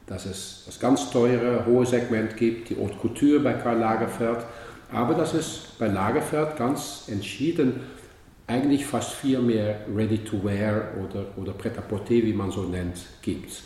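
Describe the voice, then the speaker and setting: A man explaining calmly and at length in a conversation about an exhibition. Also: fairly low pitch. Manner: measured, explaining. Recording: distant, echoey hall with faint noise.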